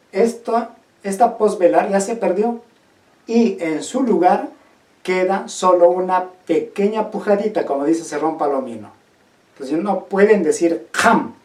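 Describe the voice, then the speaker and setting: A teacher giving an online lesson, speaking slowly and deliberately, pausing between words, repeating and demonstrating sounds and checking in with listeners. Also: mid-range voice, darkish tone. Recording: roomy echo, speaker far from mic.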